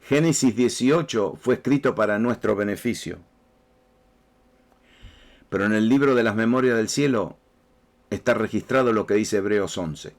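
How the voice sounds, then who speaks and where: A man's voice: lowish voice, normal speed, pauses often. A man preaching a sermon in a Rioplatense Spanish accent, talking straight to the congregation and often repeating his words. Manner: conversational, repeats words, speaks directly to listeners. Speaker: pastor.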